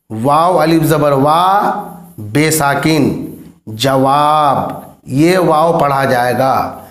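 A man teaching Urdu reading, spelling words out letter by letter in a slow, drawn-out manner. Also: a little high, echoey room.

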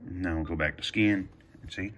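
In a carpeted room at home, a low-voiced man gives a casual, improvised radio scanner tutorial at normal speed, his tone fairly bright. He hesitates and thinks aloud while pressing buttons, with slight background noise present.

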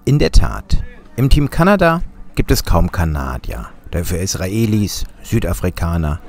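Wry German man narrating, deep voice. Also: very animated, unhurried, faint music behind. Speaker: vlog narrator. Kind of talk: scripted voice-over narration.

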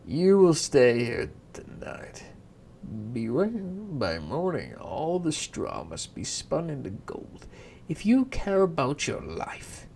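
A man's voice: on the high side, huge pitch swings, takes it slowly, gravelly, a little hiss or hum, exaggerated voice. A man voicing a pompous, greedy king who barks orders. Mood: gloating.

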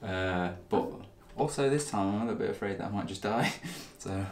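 Deep-voiced chatty man, echoey room. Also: normal speed. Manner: chatty, self-deprecating, talks with mouth full. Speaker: channel host. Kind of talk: casual chat while eating.

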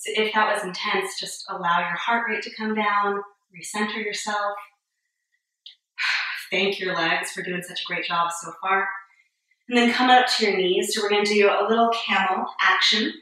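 A woman in her thirties leading a guided yoga class, cueing each move calmly and a little out of breath. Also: medium pitch, normal speed. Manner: calm step-by-step cueing, a little breathless and joking. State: a bit out of breath. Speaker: yoga instructor. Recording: very echoey room, voice far from mic.

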